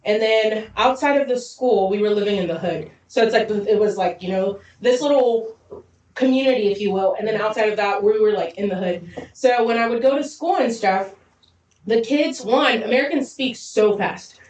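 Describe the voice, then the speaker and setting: Fast-talking woman from Zambia, echoey room. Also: mid-range voice, slight background noise. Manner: fast, lively storytelling with frequent laughs. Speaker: podcast co-host. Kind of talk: casual chat. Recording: roomy echo, distant mic.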